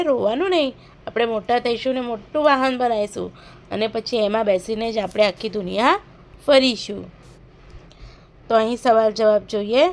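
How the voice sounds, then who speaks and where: A woman teaching young children in a fairly high, lively voice. She reads the storybook lines aloud with expression, then turns to the class with questions and explains the lesson. The recording is a close voice-over.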